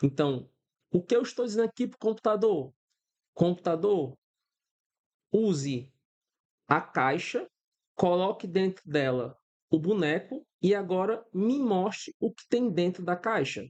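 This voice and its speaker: High-sitting and lively, his voice has a darkish tone, a slightly slow pace and cut-off highs. The speaker is a Brazilian programming instructor in his thirties, Brazilian Portuguese accent, giving a step-by-step screen-recorded coding lesson with frequent check-ins and everyday examples.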